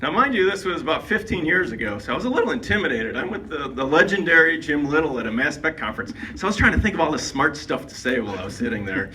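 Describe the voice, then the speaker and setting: A man tells roast stories at a party, setting each one up before landing the punchline. His voice sits a little high for a man. The microphone is some distance away, and a light background noise runs under his speech. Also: very animated, quick pace, hardly any pauses, bright, forceful tone. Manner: joking storyteller building up to punchlines. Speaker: speaker giving a roast at a retirement party. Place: retirement party.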